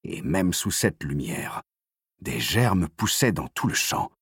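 Deep guy reading an audiobook, husky, steady, dry close mic. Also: no echo. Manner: measured, steady storytelling. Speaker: audiobook narrator. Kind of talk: scripted audiobook narration.

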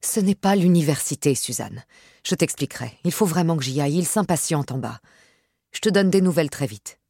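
A young fiancé from a romance audiobook, apologetic and always rushing off, as a woman narrator reads him. The voice is low and husky, hardly changed from the reader's own. It is recorded close and dry. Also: expressive, warm tone, dry recording, heavily acted.

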